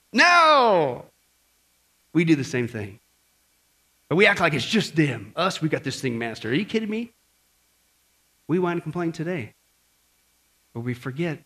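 A man preaching a sermon as pastor in a church, lively and conversational, acting out voices and asking the congregation questions. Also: a little high, measured pace, long pauses. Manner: animated, acts out grumbling voices and asks the audience questions.

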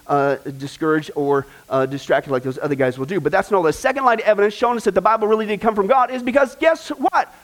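A man preaching as a pastor at a church service, joking and emphatic, often asking the congregation questions. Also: very high voice. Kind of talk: sermon.

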